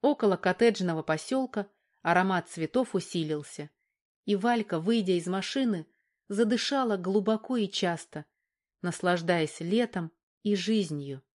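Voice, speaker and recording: A woman reading an audiobook in a measured, even narration. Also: fairly low pitch. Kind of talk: scripted narration.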